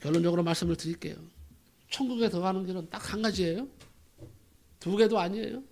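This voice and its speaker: A man's voice: high-pitched, fast talker, creaky, a little mellow. A male pastor preaching a sermon, telling a story and asking the congregation rhetorical questions with emphasis.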